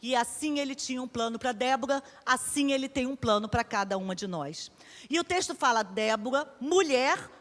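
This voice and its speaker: A woman's voice: sits high, fairly bright tone, in a large hall. A woman pastor with a Brazilian Portuguese accent preaching a sermon, telling stories in a conversational way and acting out the dialogue.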